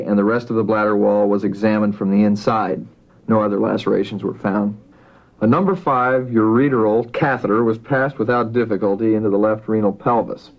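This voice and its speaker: A man working as a doctor, giving rapid medical dictation in a formal, matter-of-fact manner. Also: lowish voice. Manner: formal, matter-of-fact, reads out punctuation and spellings. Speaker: doctor dictating an operative report. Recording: dull, lo-fi dictation recording.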